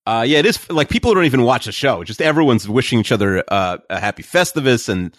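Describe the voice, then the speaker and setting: Rambling man with lively pitch. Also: fast, dry recording, studio quality. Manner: rambling with many fillers. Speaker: podcast co-host. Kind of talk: casual podcast chat.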